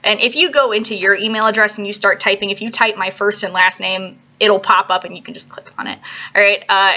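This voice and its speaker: A woman's voice: mid-range voice, pushed and bright, muffled recording. A woman teaching an art lesson to young children on video, upbeat and coaxing, often checking in with "all right?" between steps.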